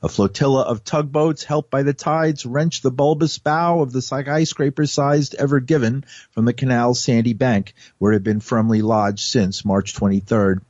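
A man reading a scripted news report in a measured, even way. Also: mid-range voice, dry recording, muffled recording. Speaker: news narrator.

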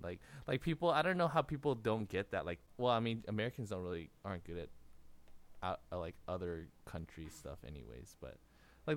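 Young male podcast host, low-pitched, rambling storyteller who laughs often. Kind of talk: casual podcast chat.

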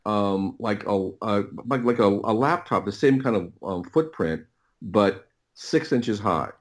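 As an interview guest on a podcast, a middle-aged writer and audio producer tells stories in a lowish, animated voice. The telling is halting and rambling, with repetitions and phrases he cuts off himself before doubling back.

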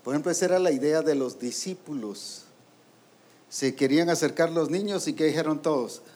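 A man preaching a sermon to ministers, lively and full of rhetorical questions, acting out quoted voices. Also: a little high, fairly quick.

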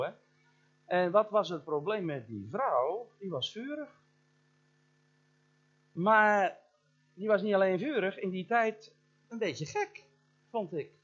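A man's voice: sits high, slightly rough. A middle-aged man preaching a storytelling sermon, speaking straight to the congregation and acting out sounds and voices from his story. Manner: animated, addresses the congregation directly. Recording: dull lo-fi church recording.

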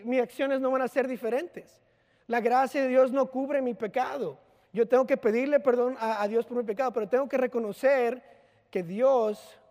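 A pastor gives a sermon in a loose, conversational way, weaving in personal anecdotes and little acted-out lines. His voice is high for a man with a darkish tone, and a long hall reverb trails each phrase.

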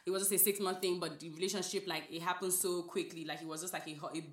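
A young woman from Nigeria co-hosting a podcast, chatting casually, animated and laughing, with lots of "like" fillers. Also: on the low side, fast talker, echoey room. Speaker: podcast co-host. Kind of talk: casual chat.

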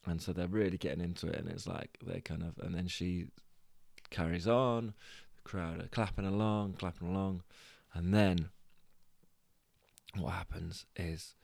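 A man's voice: deep voice, a little slow, gravelly, darkish tone. A British man hosting a podcast, retelling a story in a rambling, hesitant way with lots of fillers and restarts. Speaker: podcast host.

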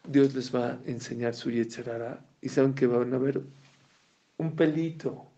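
A man teaching a Torah class, animated and full of rhetorical questions to his students. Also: mid-range voice, normal speed, highs cut off. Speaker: religious teacher.

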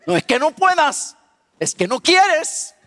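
A man's voice: extremely high pitch, takes it slowly, dry recording, clean studio sound, in a large hall. A man preaching as a pastor, telling personal stories with humor and asking the congregation questions. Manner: animated, humorous, asks the audience questions. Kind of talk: sermon with personal storytelling.

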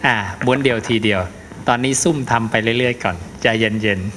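A man's voice: mid-range voice, fairly quick, fairly bright tone, a little hiss or hum. A middle-aged man, a Buddhist monk, answers a question in an emphatic dharma talk and keeps tagging his points with a short particle. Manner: emphatic, repeats "นะ" as a tag.

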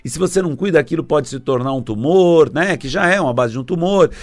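A man talks casually to his viewers about spiritual energy. His voice sits a little high and leaps around in pitch as he acts out small scenes. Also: expressive, quick pace. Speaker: spiritual talk presenter.

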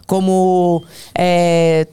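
A woman with a Brazilian Portuguese accent telling work stories casually in conversation, in an animated, hyperbolic way that often interrupts itself. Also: on the low side, extremely slow, smooth. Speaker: podcast guest, tour producer.

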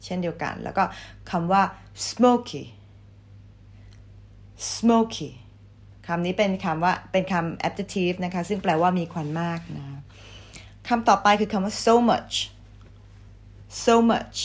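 A woman teacher giving a vocabulary lesson, saying each English word twice, louder and slower, then explaining it politely. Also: lowish voice. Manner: polite, ends phrases with soft particles.

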